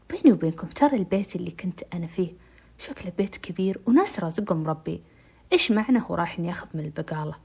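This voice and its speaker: Fast-talking woman telling a story. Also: on the low side, expressive, gravelly, mellow, slightly rough. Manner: intimate, dips into whispers at tense moments. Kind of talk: first-person dramatic story narration.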